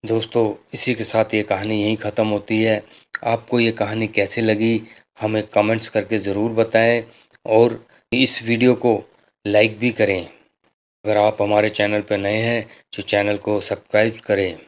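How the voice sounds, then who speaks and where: Male storyteller, low pitch, monotone, scripted retelling. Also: measured pace. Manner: flat, steady retelling.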